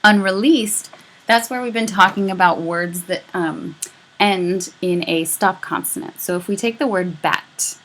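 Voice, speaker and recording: A woman's voice: on the low side, fairly bright tone. A woman teaching a recorded lecture, explaining step by step and saying sample sounds aloud to show them. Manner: patient, explanatory, demonstrates speech sounds aloud. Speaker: instructor.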